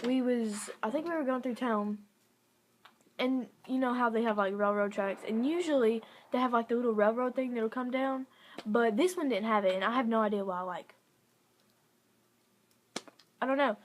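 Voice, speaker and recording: A woman's voice: a little high, moderate pace, pauses often, slight background noise. A young woman telling a story to camera in a casual vlog, chatty and giggly, full of "like" fillers. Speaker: vlogger.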